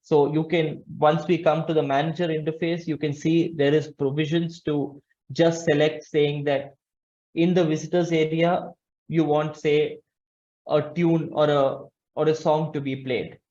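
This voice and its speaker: A young man presents an explanatory slide webinar with examples over a video call, framed by his webcam. His fairly high voice has a darkish tone and flat delivery, and he halts, restarts and corrects his phrasing as he explains step by step. The audio is slightly dull and muffled.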